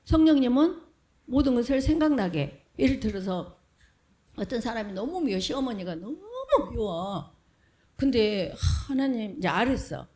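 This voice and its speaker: A woman's voice: fairly high pitch, expressive, normal speed, warm tone. Woman preaching to Sunday school. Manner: questions her listeners and acts out sample prayers. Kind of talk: children's sermon.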